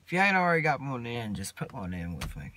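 A teenage boy, rambling casually to his phone camera from inside a parked truck, mumbling in a laid-back drawl with long pauses. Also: mid-range voice, sing-song, sharp tone, slight background noise. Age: teens. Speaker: vlogger. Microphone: phone camera at arm's length.

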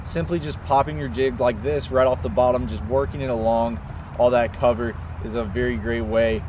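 Outdoors by a pond, a young man hosts a fishing video, casually explaining techniques with lots of fillers like "you know" and "um." His medium-pitched voice is darkish and fairly even at a moderate pace, and the dull recording carries clear background noise.

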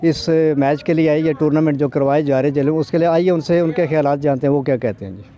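A man's voice: fairly high pitch, fast, warm tone. A man, a field reporter, politely introducing guests into a handheld mic outdoors at a cricket ground. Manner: polite, formulaic. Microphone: handheld branded mic. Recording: slightly dull outdoor audio.

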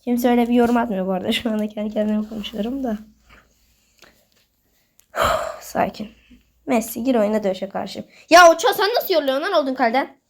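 A high-pitched woman talks her way through a football manager game. She is excitable and keeps scolding the players on screen. She also chats to her viewers as if they were friends. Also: brisk, long pauses. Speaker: gaming video host. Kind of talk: casual gameplay commentary.

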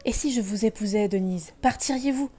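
A woman's voice: mid-range voice, fairly quick, warm tone, husky, soft background music, lightly acted. A woman voicing a desperate store owner whose voice trembles, as she reads a novel aloud. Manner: trembling, then crying out.

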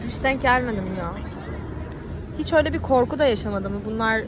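A woman's voice: fairly high pitch, a little fast, over a noisy crowd. A young woman in an informal, casual chat over a meal, often chiming in to agree. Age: young adult. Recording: noisy urban ambience with traffic.

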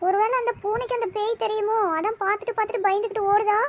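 A woman's voice: very high-pitched, level tone, quick pace. A woman voicing a nervous but bossy young village woman in a cartoon, scolding and fretful. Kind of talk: cartoon voice acting.

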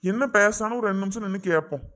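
Man, husband in a family comedy sketch, exaggerated exclamatory delivery, high-pitched voice. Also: fast, pushed and bright.

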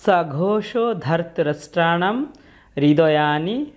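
A woman teaching the pronunciation of Sanskrit verses, speaking slowly and deliberately and chanting each verse. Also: on the low side, expressive, darkish tone. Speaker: scripture teacher.

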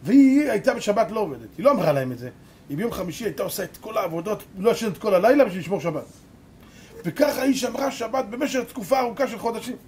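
A rabbi giving a sermon, telling a story dramatically and swinging between loud and hushed. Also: male voice, sits high, animated, slight background noise. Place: live lecture event.

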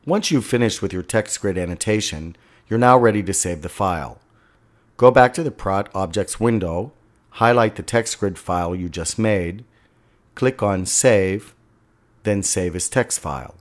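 Speaking unhurriedly in a very deep voice, a man narrates a software tutorial over his screen recording. He takes it one step at a time, giving clear, even instructions.

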